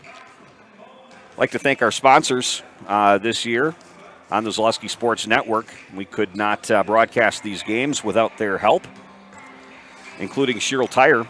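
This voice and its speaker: A man's voice: lowish voice, unhurried, fairly bright tone, faint music behind. A man giving local pregame sports commentary as a broadcast announcer. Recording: faint gym noise behind.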